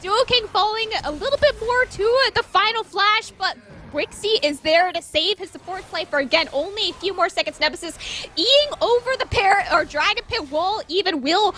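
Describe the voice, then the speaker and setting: A woman with a very high, bright voice calls an esports match live. She reels off play-by-play at speed, her excitement rising with each team fight. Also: slight background noise. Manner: rapid, excited play-by-play calling. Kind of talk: fast live game commentary.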